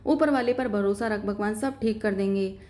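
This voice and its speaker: A woman voicing a gentle, consoling older father in a story reading. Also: mid-range voice, normal speed, close to an everyday voice.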